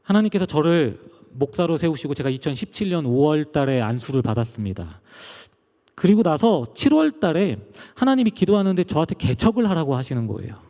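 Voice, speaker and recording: A middle-aged male pastor preaches a personal testimony sermon. His fairly high voice rises and falls with feeling, and it is very lively in pitch. Long reverb from a large hall trails each phrase. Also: brisk. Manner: emotional, rising and falling delivery.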